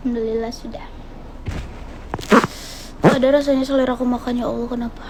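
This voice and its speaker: A woman's voice: fairly high pitch, steady tone, brisk. A young adult woman chatting casually with viewers and family in a home vlog. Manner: chatty, greets viewers brightly. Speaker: vlogger. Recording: noisy home video recording.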